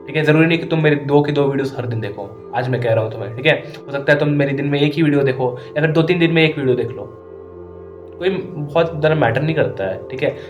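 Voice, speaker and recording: A man's voice: on the high side, echoey room. A tired, sleepless man giving an earnest, casual motivational talk, mixing English into Hindi and often checking in with his listeners. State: tired and sleepless, tongue stumbling. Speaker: self-improvement vlogger.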